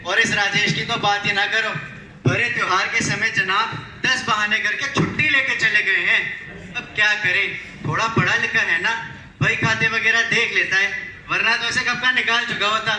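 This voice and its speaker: A bossy, stingy middle-aged shopkeeper, played by a man who scolds and blusters. His voice sits fairly high and sounds very forceful and bright. It rings in an echoey stage hall. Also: fairly even intonation, normal speed, a little hiss or hum. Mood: coaxing. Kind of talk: stage play acting.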